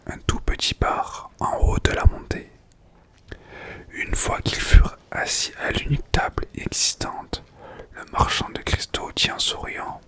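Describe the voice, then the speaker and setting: A man speaking in a breathy, unvoiced whisper, presenting and reading books in an informal ASMR style. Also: very high-pitched, sharp tone.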